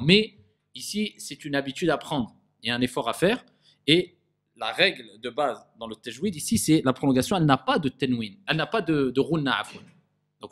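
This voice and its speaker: A man teaching Quran recitation rules in a classroom. He demonstrates sounds slowly and quizzes his students. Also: fairly high pitch, a bit bright. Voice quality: nasal in recitation. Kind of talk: classroom tajwid lesson.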